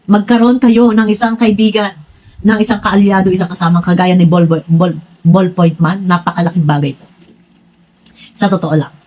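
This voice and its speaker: On a muffled recording, a woman with a lowish voice and darkish tone talks straight to her viewers. She's a blunt, frank commentator on online personalities in a casual vlog, describing herself as direct to the point while rambling with many restarts.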